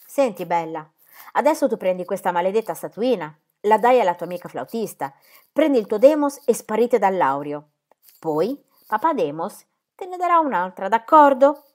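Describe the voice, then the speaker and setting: A woman reading the part of a greedy, threatening male mine overseer in a storybook, speaking loudly and bullying. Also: mid-range voice, big pitch swings, moderate pace, voice pushed up, natural voice. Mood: menacing. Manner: loud and bullying.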